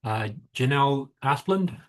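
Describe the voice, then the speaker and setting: A man's voice: mid-range voice, expressive, measured pace. A man acting as hearings officer, formally moderating public testimony and calling on speakers.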